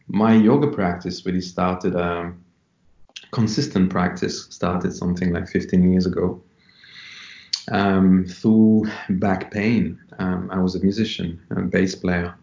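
A man in his forties from France, speaking as an interview guest in a relaxed, unhurried way with many ums. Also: deep voice. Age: 40s. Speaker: yoga teacher guest. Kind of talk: casual interview talk. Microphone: remote call. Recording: dull, roomy call audio.

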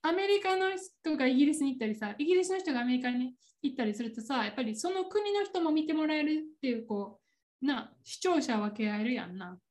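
A woman's voice: sits high, lively intonation, fast talker, a little mellow. A woman with a Kansai Japanese accent chatting casually on a podcast, laughing often as she explains. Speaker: podcast co-host. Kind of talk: casual chat.

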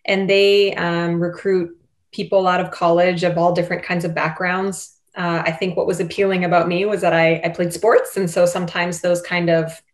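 A woman's voice: fairly low pitch, little pitch movement, normal speed. A woman teacher talking about her seven years of teaching in an earnest, reflective way, with light laughs. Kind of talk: casual interview chat.

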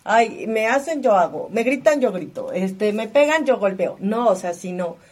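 A woman's voice: on the high side, lively intonation, normal speed, darkish tone, slightly rough. A woman in a reflective conversation on emotions, thinking aloud with plenty of fillers.

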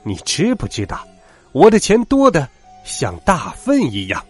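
A man's voice: on the high side, huge pitch swings, unhurried, slightly rough, soft background music, exaggerated voice. A man doing a pompous, blustering magician. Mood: boastful. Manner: blustering, bossy, easily offended. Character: pompous, quick-tempered old male great magician.

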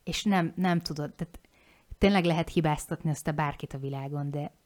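A woman in her forties talking candidly on a podcast, frank and animated, swearing casually and restarting her sentences. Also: low voice.

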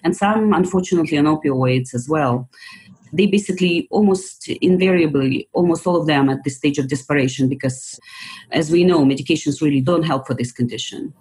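A woman's voice: low-pitched, fairly quick, a little mellow, breathy edge, poor audio. A woman, answering interview questions thoughtfully with small grammar slips. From Ukraine. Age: 50s. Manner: thoughtful, a bit hesitant, non-native grammar slips. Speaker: guest physician.

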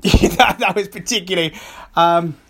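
Man, podcast co-host, stammering, filler-heavy, giggly, slightly high voice. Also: a bit bright. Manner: halting, stammering, many repeated words and fillers; breaks into laughter often. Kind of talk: comedic podcast banter.

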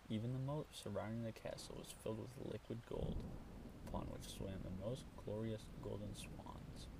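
Low gravelly male storyteller. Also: warm tone, slight background noise, poor audio. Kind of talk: scripted fairy-tale narration.

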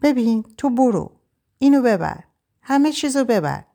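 A woman reading a frightened but stubborn young woman in an audiobook, pitched clearly higher than the narration. The voice is anxious and insistent, moving widely in pitch. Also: lively intonation, mellow.

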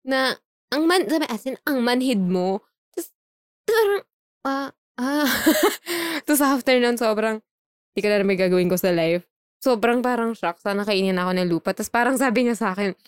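Young woman, high voice, storytelling all animated with lots of laughing, super dry close sound. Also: normal speed, smooth, dry recording. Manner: animated, laughs often, acts out quoted dialogue. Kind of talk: casual storytelling chat.

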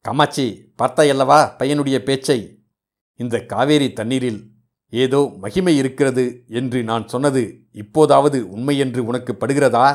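A man's voice: medium pitch, fairly even intonation, measured pace, a little mellow, lightly acted. A man voicing an expansive elderly retired judge in a read-aloud novel, approving and talkative. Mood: delighted.

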